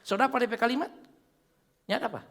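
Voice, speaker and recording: A man preaching a church sermon, joking with the congregation and swinging from soft asides to loud exhortation. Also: very high voice, rapid-fire, vocal fry, big-room sound, a faint crowd, a little hiss or hum. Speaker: pastor.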